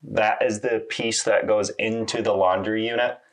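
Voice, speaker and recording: Man, 30s, lower voice, easygoing how-to demo in a small laundry room. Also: normal speed. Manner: relaxed, conversational, with fillers. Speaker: installation demonstrator. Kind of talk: casual how-to walkthrough.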